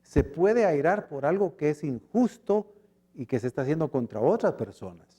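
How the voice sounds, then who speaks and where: A man's voice: on the high side, moderate pace, breathy edge, dull audio. A man with a Guatemalan accent preaching a sermon as pastor, acting out short dialogues as he goes. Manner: animated preaching, acts out little dialogues.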